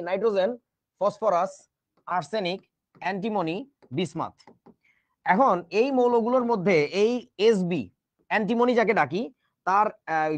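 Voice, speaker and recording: A man's voice: sits high, no room sound. A man teaching chemistry in a lecture, joking around and spelling out words letter by letter. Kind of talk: classroom lecture. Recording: dull, dry recording.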